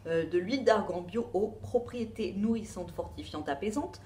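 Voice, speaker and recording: A woman's voice: mid-range voice, normal speed, mellow, a little hiss or hum. A woman with a French accent reviewing a beauty box in a casual, rambling chat full of asides and fillers.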